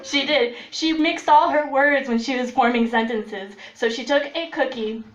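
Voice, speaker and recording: This is live comedic storytelling from a young woman who laughs mid-story and animatedly acts out other people's words. She has a high-pitched voice at a normal pace. The audio is lo-fi, with a roomy echo that makes her sound far off.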